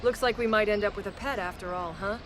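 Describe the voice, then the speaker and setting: Sarcastic, sensible female adventurer voiced by a woman, mid-range, exasperated fantasy-comedy straight role, clear background noise. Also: medium pitch, fast, close to an everyday voice. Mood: skeptical, exasperated. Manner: wry, exasperated. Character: practical, skeptical, dryly sarcastic female adventurer. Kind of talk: scripted fantasy comedy dialogue.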